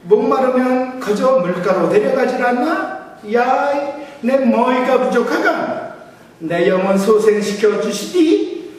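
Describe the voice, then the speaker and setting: Pastor doing a loud Pyongan northerner. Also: male voice, very high-pitched, voice pushed up, exaggerated voice. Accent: Pyongan dialect, put on. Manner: loud, rhetorical questions. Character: blunt Pyongan northerner, cheerful and insistent. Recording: echoey church hall, mic far off.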